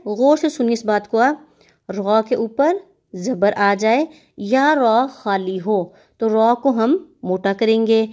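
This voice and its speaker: A woman with a Pakistani Urdu accent runs an online Quran reading lesson, her voice sitting a little high. She speaks slowly and patiently, repeating each sound so the learner can echo it back. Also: darkish tone. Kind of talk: slow, drilled recitation lesson. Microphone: online class recording.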